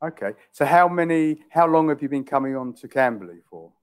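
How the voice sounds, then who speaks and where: Over a video call, a middle-aged Englishman with a London accent tutors English in a chatty, casual way, often repeating and rephrasing his questions. His voice is fairly high, animated, quick, clear and resonant. He's in a small indoor room using a headset mic.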